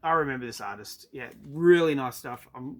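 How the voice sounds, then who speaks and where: Aussie guy rambling about comics, lots of ums, mid pitch. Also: animated, moderate pace, a bit bright. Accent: Australian. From Australia. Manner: hesitant, many ums and uhs. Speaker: comic book collector vlogger. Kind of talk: casual review chat. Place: storage unit.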